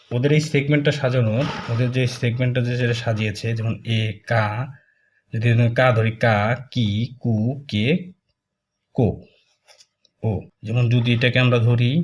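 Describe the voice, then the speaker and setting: A man, teaching a casual language lesson, talking slowly and repeating filler words as he writes strokes. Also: mid-range voice. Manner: slow, repetitive, with many fillers while drawing strokes. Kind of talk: casual spoken lesson, explaining while writing.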